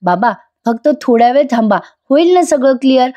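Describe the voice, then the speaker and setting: A woman's voice: sits high, expressive, brisk, warm tone, voice pushed up. A woman reading a tearful young wife's lines aloud in a TV serial review, pleading and insistent.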